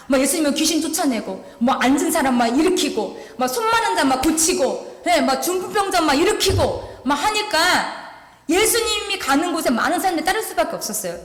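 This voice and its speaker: A woman's voice: sits high, big pitch swings, fairly quick. Woman, evangelist, emotional pleading sermon, echoey church sanctuary. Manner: emotional, pleading, earnest, with rising and falling intensity. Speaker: evangelist preaching. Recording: echoey church hall with long reverb.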